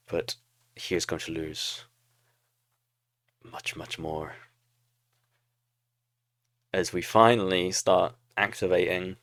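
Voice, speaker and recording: A young man with a low, gravelly voice talks through a replay of his own strategy match, picking apart his mistakes and laughing at himself. His voice sounds dry and close, with no room around it. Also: no echo. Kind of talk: casual game commentary.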